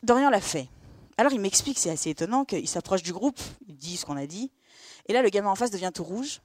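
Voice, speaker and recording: A middle-aged woman from France, a therapist, telling lively stories to an audience and acting out the dialogue. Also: medium pitch, no echo, studio quality. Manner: lively, acts out dialogue with quick asides. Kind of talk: storytelling talk to an audience.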